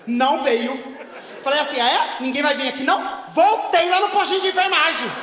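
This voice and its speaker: Man doing a loud gossipy indignant woman. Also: very high-pitched, a little fast. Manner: loud, gossipy, dramatic, shouting bursts. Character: brash indignant woman caring for her hospitalized father. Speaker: stand-up comedian. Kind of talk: stand-up character monologue. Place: theater stage at a live show. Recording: echoey hall, from far off.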